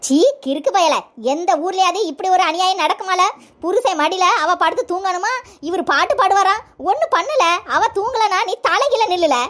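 A bossy old mother-in-law with a Tirunelveli accent scolds in rural slang. Her cartoon voice sits extremely high and squeaky, and it stays sharp-tongued throughout. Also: normal speed. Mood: scolding. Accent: Tirunelveli Tamil. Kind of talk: cartoon serial voice acting.

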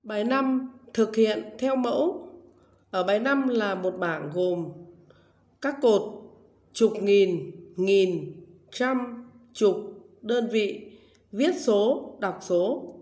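A woman's voice: mid-range voice, drawn-out words, a little mellow. A woman teaching primary school math, reading numbers out digit by digit and then in full. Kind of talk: slow dictation-style lesson.

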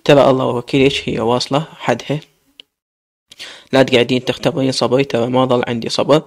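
A man doing a gruff, blunt Iraqi young man. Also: medium pitch, level tone, fast, lightly acted. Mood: stern. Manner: blunt, impatient.

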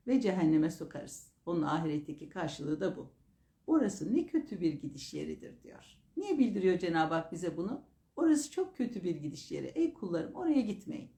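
A woman preacher giving a sermon that explains Quran verses, chanting the Arabic lines slowly and then explaining them calmly. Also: on the low side, roomy sound. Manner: addresses listeners as dear brothers and sisters.

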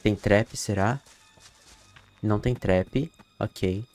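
A young Brazilian man streaming a horror game, chatting casually, swearing a lot and breaking into loud panicked yells. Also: lowish voice, drawn-out words, soft background music. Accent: Brazilian Portuguese. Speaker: gamer streamer. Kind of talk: live gameplay commentary.

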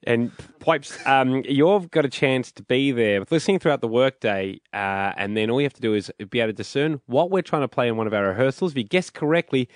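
An Australian man hosting a radio show in loose, joking banter, often breaking into laughter. His voice sits at an ordinary pitch and sounds dry and close, with no room around it. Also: no room sound. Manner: jokey, quick to laugh. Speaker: radio host. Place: radio studio.

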